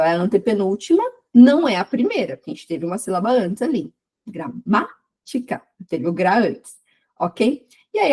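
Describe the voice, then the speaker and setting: A woman gives a grammar lesson in a soft, breathy voice. She explains patiently and stretches each example word slowly. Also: mid-range voice. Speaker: Portuguese teacher.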